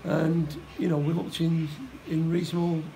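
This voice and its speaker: A middle-aged football manager giving a post-match interview, plain-spoken and halting, often repeating his words. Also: a little high, little pitch movement, warm tone, a little hiss or hum, rough recording. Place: indoor room by a stadium door.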